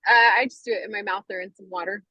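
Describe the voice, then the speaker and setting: A woman taking part in a casual group chat, speaking in a halting, conversational way. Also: medium pitch, steady tone, slightly rough, no echo. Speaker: group participant. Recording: dull, lo-fi call audio.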